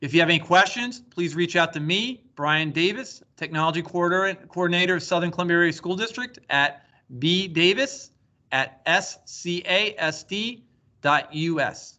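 Man, technology coordinator type, bright and a touch high, steady instructional screen-recording read. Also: normal speed. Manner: plain step-by-step instructional delivery. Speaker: school district technology coordinator. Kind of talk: screen-recorded tutorial walkthrough.

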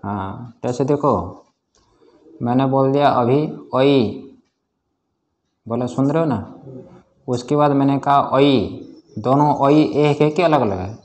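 An Indian man teaching Sanskrit grammar in a classroom, slowly drilling his students with repeated questions. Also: mid-range voice, darkish tone. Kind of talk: classroom lecture.

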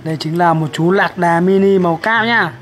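A man's voice: high-pitched, a little fast, noisy background. A man narrating a toy video for young children, talking in simple, repetitive, encouraging phrases as if to a toddler.

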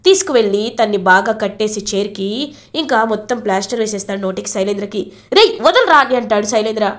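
Woman recapping a serial episode. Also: medium pitch. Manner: brisk storytelling with frequent fillers. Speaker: channel narrator.

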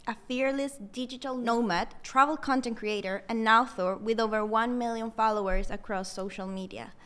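A woman podcast host reading a scripted introduction of a guest in a measured way. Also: on the high side, a bit bright, clear, resonant tone.

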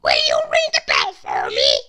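A storybook reader voicing a tiny, timid cartoon fellow with a small, drawn-out put-on voice. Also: rumbling low, huge pitch swings, vocal fry, sharp tone, pitched below the performer's own voice, heavily acted. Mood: earnest, plaintive.

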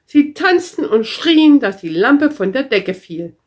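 A woman reading a children's book aloud in a gentle, expressive storytelling manner. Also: high voice, slow pace.

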